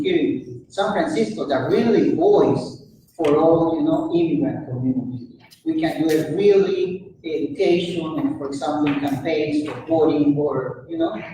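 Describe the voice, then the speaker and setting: A man from Peru giving a halting public comment at a meeting, full of fillers. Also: fairly high pitch. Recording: echoey hall from far off, noisy.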